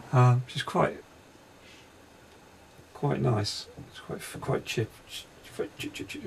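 A man working as a psychic medium, describing impressions in a halting, hesitant way inside a railway carriage during a paranormal investigation. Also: mid-range voice, huge pitch swings, creaky, slight background noise.

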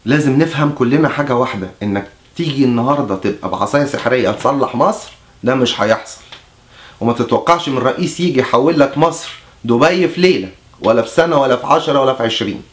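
Fast-talking Egyptian man on a mock campaign. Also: medium pitch, animated. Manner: fast, chatty, self-interrupting. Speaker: mock presidential candidate. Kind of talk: satirical campaign monologue.

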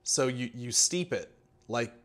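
Sitting at a table indoors, a man reviews camping meals on his own channel in a loose, casual walkthrough peppered with fillers and false starts. The voice is medium in pitch, a bit bright, animated and unhurried, with slight background noise.

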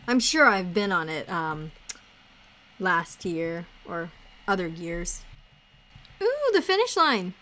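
Chatty, excitable woman gaming streamer. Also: medium pitch. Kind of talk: casual game commentary.

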